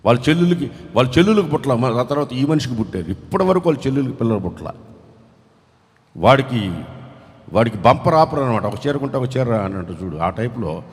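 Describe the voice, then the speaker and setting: A male pastor preaching a dramatic sermon at a large church convention. He swings between shouted peaks and low, quiet lines, and he urges the crowd to clap and cry hallelujah. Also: expressive, fast. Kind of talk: Telugu revival sermon. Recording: long hall reverb from a large venue.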